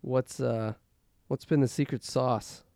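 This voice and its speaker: A man's voice: mid-range voice, steady tone, slow, creaky, warm tone, dry recording, clean studio sound. A man hosting a casual sports talk, asking questions and bantering in a hesitant, wry, teasing manner. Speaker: host of a fantasy football league podcast.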